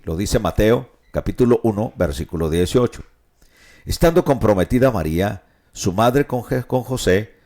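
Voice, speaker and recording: A man's voice: fairly low pitch, a little mellow. A male pastor teaching the Bible on radio, explaining passages, asking rhetorical questions and repeating his points. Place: radio studio.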